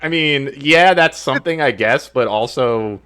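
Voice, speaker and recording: A man co-hosting a casual gaming podcast, talking in an animated, profane, rambling way. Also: mid-range voice, a little slow. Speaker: podcast co-host.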